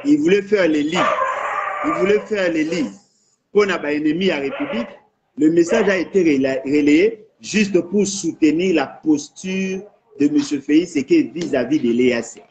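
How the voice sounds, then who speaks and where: A man speaks French with a Congolese accent, his voice sitting notably high. He argues insistently in a political monologue, hammering the same points again and again and slipping into Lingala phrases. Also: moderate pace, a little mellow, muffled recording. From Democratic Republic of the Congo.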